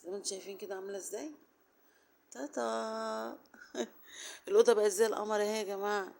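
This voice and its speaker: Fast-talking hoarse Egyptian woman. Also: mid-range voice, fairly even intonation, darkish tone. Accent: Egyptian Arabic. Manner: chatty, rambling, fond of fillers. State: sore throat, strained hoarse voice. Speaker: home vlogger. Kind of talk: casual chatty vlog narration.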